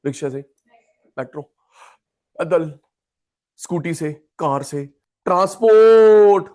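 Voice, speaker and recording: A man's voice: a little high, fairly even intonation, takes it slowly, darkish tone. A man teaching an economics class, chatty and repetitive, calling students by name. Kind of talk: classroom lecture.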